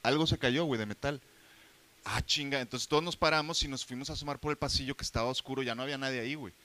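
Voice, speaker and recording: Mexican man, storytelling chat, animated, sharp bright voice. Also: medium pitch, very fast. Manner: animated, slangy, acts out quoted voices. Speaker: actor telling a story.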